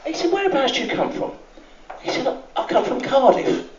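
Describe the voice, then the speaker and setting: A man's voice: very high-pitched, big pitch swings, a little fast, a little hiss or hum. A man telling stand-up jokes in a chatty way, full of "and, um" fillers and asides to the crowd, in a cruise ship lounge. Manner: chatty, many "and, um" fillers, asks the crowd "isn't it". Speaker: stand-up comedian. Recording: roomy, muffled lounge recording from far off.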